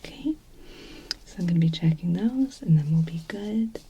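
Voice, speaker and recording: A woman in a whispered role-play, speaking as a gentle clinic examiner in a soft, reassuring, step-by-step manner. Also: fairly low pitch, animated, moderate pace, dull audio, slight background noise. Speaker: ASMR performer playing a clinician.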